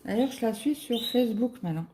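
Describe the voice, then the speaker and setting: A woman chatting casually as a cross-stitch vlogger, musing aloud with halting fillers as she browses shops online. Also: fairly high pitch, animated, noisy background. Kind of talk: casual screen-share chat.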